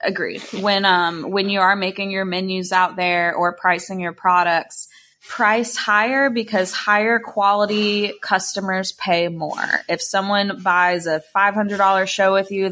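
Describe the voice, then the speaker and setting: A woman with a slightly low voice talks as a podcast co-host in casual, unscripted conversation. She gives practical advice frankly, with slang and the odd curse. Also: pushed and bright, a little hiss or hum.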